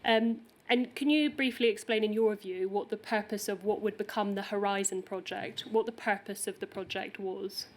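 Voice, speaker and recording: Northern Irish female counsel, polite and methodical, mid-pitched. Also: fairly even intonation, normal speed, hardly any pauses. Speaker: counsel questioning a witness. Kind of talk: formal questioning. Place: inquiry hearing room.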